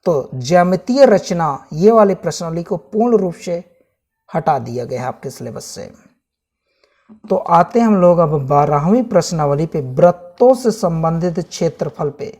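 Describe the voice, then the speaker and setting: A man's voice: a little high, animated, normal speed, a little mellow. A man teaching, casually walking viewers through a maths syllabus chapter by chapter, repeating each item and calling viewers friends. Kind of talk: casual syllabus walkthrough lesson.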